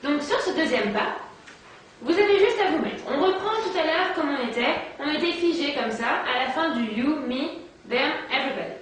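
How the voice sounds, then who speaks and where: A woman's voice: sits high, animated, normal speed, slight background noise. A woman patiently teaching a flashmob dance routine step by step, counting the moves aloud. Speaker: dance instructor. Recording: echoey distant amateur video.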